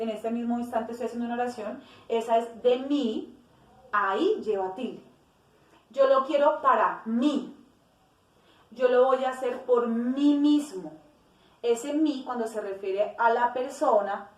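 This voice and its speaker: A woman with a fairly high voice teaches a grammar lesson and walks through the rules one step at a time. She stops to correct herself and acts out short example phrases. She is recorded from a distance in a room with a roomy echo.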